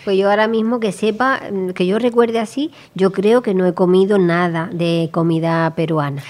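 A woman's voice: medium pitch, steady tone, moderate pace, darkish tone. A woman co-hosting a casual radio chat, chatty and finishing her partner's sentences. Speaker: radio co-host. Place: local radio studio.

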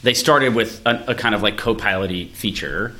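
In a lowish, sharp-toned voice at a moderate pace, a venture capitalist podcast co-host walks through tech ideas, thinking aloud with examples. The discussion is casual and explanatory, his style conversational and analytical.

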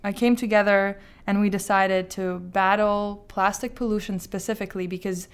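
A woman's voice: medium pitch, steady tone, normal speed, clear, resonant tone. A woman from Azerbaijan, speaking as a guest in a conversational interview. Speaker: interview guest, startup founder.

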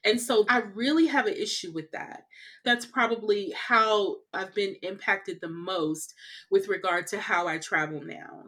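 A woman from California speaks as a guest on an interview podcast, telling personal travel stories in a loose, conversational way. She is animated, laughs easily, and fills her speech with "like" and "you know". Her voice sits in an ordinary middle pitch. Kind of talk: casual conversational storytelling.

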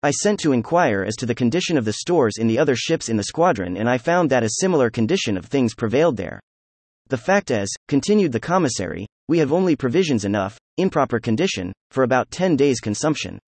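Guy reading a story out loud, steady and even, mid-pitched, dry close mic. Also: brisk, no room sound. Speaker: audiobook narrator. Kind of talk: scripted narration.

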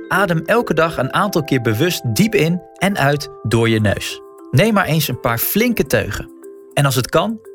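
A man's voice: mid-range voice, a bit bright. A man narrating a scripted guided wellness walk as a coach, speaking informally and encouragingly straight to the listener.

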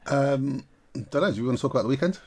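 A man trades casual, teasing banter on a podcast. He talks fast with a lively, animated pitch. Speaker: podcast co-host. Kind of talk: casual chat.

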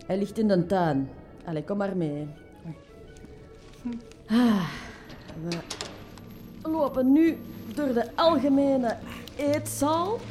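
A woman's voice: a little high, slow, pauses often, darkish tone. A woman with a Flemish accent playing a chatty, easygoing worm who runs a hotel, in a children's drama. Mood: lively, showing around. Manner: folksy, chatty, explanatory. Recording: music under the voice.

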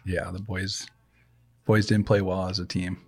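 A man's voice: low-pitched, little pitch movement, a little slow, gravelly, breathy edge. Laughing middle-aged man telling stories. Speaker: podcast host. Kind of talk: casual chat.

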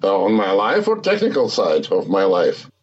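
A man's voice: fairly low pitch, huge pitch swings, normal speed, husky, highs cut off. An older man with a Russian accent, a startup founder speaking as a guest in a casual interview, hesitant and searching for words.

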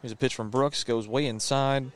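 A man's voice: mid-range voice, steady tone, normal speed. A man doing live sports commentary as the play-by-play announcer of a baseball game.

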